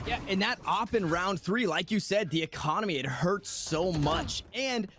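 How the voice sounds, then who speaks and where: A man with a high voice delivers esports play-by-play as a caster. He narrates the action in short, running phrases. A faint layer of noise and clicking sits behind his commentary. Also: animated, moderate pace, a bit bright.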